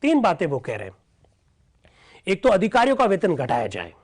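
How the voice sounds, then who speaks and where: A man delivers a lecture in a voice pitched a little above the usual male range. He reads passages aloud and then explains them in plain terms, often putting a question to his listeners and answering it himself. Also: huge pitch swings, moderate pace. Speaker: teacher explaining Constituent Assembly debates. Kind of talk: lecture reading and explaining archival proceedings.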